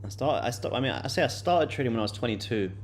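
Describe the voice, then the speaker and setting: Expressive and quick, a mid-range male voice carries this casual live-stream chat, where a late-twenties day-trading host answers viewers with plenty of fillers and repeated words. Slight background noise can be heard.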